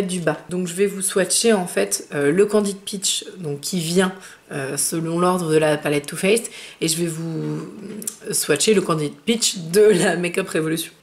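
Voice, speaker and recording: A chatty woman with a slightly low-pitched voice talks through a makeup palette comparison. She swatches each shade and slows down to name it, with the odd filler in between. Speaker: beauty vlogger.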